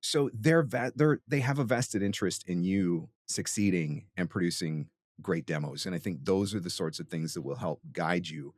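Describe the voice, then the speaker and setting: A man with a low voice speaks at a normal pace with few pauses, recorded dry. He hosts a podcast and coaches voice-over work, offering emphatic, conversational advice full of rhetorical questions and frequent check-ins with listeners.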